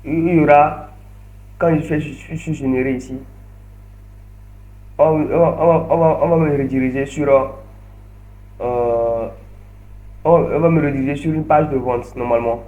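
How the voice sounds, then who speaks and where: A man's voice: on the high side, steady tone, unhurried, pauses often, dark tone. A man leading an online training session, narrating each click step by step and often repeating words over a video call. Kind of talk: screen-share tutorial.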